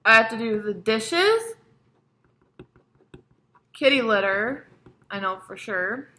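A young woman talks straight to camera at home in a loose, rambling mukbang chat, with a vivid, sharp-edged tone. She swears freely and leans hard on filler words, drifting from topic to topic. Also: on the high side, expressive, takes it slowly. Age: young adult. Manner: rambling, profane, frequent "like". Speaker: vlogger.

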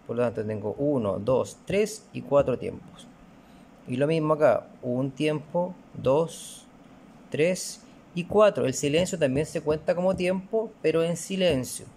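A man's voice: on the high side, lively intonation, measured pace, mellow, a little hiss or hum. A male music teacher, patiently explaining rhythms and counting them aloud in a recorded lesson.

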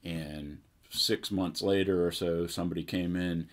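Seated at a table in a small music studio, a middle-aged former musician shares stories from his past in casual, chatty conversation. His low-pitched voice keeps a fairly even intonation and moves a little slowly.

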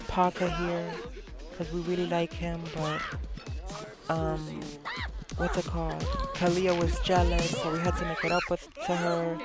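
A young woman hosting a gameplay video, chatting casually and excitedly, often repeating herself. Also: on the low side. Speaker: let's play host.

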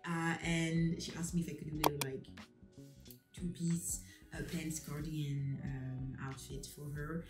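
A woman's voice: low voice, little pitch movement, unhurried, reverberant, music in the background, low-quality recording. A young woman chatting casually to camera in a rambling, self-deprecating way, with many fillers. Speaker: vlogger. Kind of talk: casual vlog chat to camera.

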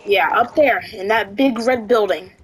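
A woman's voice: mid-range voice, normal speed, noisy background. A woman roleplaying an outlaw parent in a western game, talking casually with many fillers. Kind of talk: in-character game roleplay chat.

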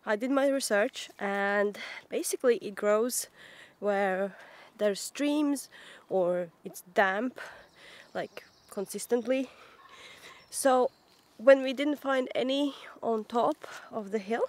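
A woman in her thirties who vlogs about homesteading talks slowly in a slightly high voice, casual and giggly as she thinks aloud. The setting shifts from woodland outdoors to her home kitchen, recorded on a camera mic that is handheld close and then on a fixed camera.

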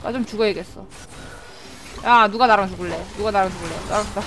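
A woman's voice: medium pitch, quick pace, background noise. A woman streaming a game live, talking through her plays, yelping and laughing at hits and kills. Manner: excitable, yelps and laughs at plays. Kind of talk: live gameplay commentary.

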